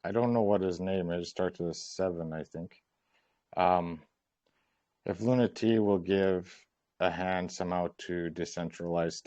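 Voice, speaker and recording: A man's voice: deep voice, darkish tone, no room sound. A man hosting a casual online Q&A, explaining things plainly and easily with some restarts. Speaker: token project team member hosting a Q&A. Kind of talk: casual voice-chat Q&A. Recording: dull lo-fi voice chat.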